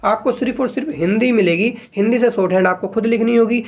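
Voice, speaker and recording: A man teaching a shorthand lesson to viewers, speaking casually and patiently, slowly repeating example sentences and often checking that his viewers follow. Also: sits high. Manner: addresses viewers as friends, frequent "ठीक है".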